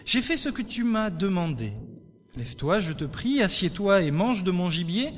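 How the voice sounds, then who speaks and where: A man's voice: high voice, very animated, moderate pace, big-room sound. A man voicing a worried younger son in a Bible reading, pleading and anxious.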